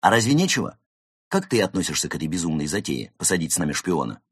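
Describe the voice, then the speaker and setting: A man's voice: low-pitched, sing-song, fast talker, slightly rough, dry recording, clean studio sound, full character voice. A man doing a grumpy, sarcastic cat. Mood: doubtful. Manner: exasperated, loud, sarcastic. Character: irritable, sarcastic male cat. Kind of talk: audiobook character voice.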